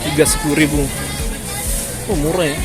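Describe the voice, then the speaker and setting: A vlogger from Jakarta with a Batak accent walks along a busy outdoor city street, chatting casually to viewers and repeatedly calling them friends. His voice is on the high side, level in tone and fairly quick, with crowd noise and music behind him.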